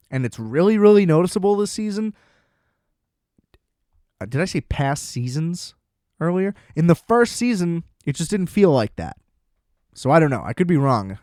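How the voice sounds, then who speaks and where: A man hosting a solo podcast, chatting casually about TV in an excitable, profane, rambling way. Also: fairly high pitch, dry recording, clean studio sound. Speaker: podcast host.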